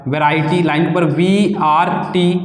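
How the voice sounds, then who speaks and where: A man's voice: on the high side, steady tone, unhurried. A man teaching shorthand, explaining patiently step by step, repeating words and asking his students questions. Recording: echoey room with long reverb.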